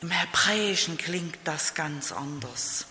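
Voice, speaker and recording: Slow, emphatic preacher in an echoing hall. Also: mid-range voice, expressive, sharp tone, slight background noise. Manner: emphatic, repeats key phrases, rhetorical questions. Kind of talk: sermon. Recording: roomy hall with long reverb.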